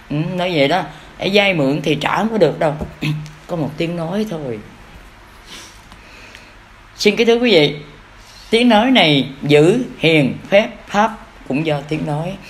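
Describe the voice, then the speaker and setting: A woman's voice: on the low side, a little hiss or hum. A woman with a Southern Vietnamese accent giving an impromptu dharma talk as a lay preacher, in a folksy way, asking rhetorical questions and acting out little everyday exchanges.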